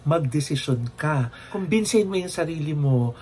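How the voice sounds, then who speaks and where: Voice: medium pitch, lively intonation, normal speed, darkish tone, a little hiss or hum. A vlogger giving breakup advice in a casual, playful, campy way, with joking asides and talking straight to the viewer.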